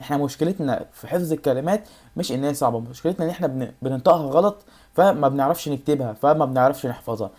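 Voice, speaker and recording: Speaking quickly in an extremely low, mellow voice, this Egyptian-accented woman is a YouTuber sharing exam study advice in a relaxed vlog. She addresses the viewer directly and keeps repeating her reassurances.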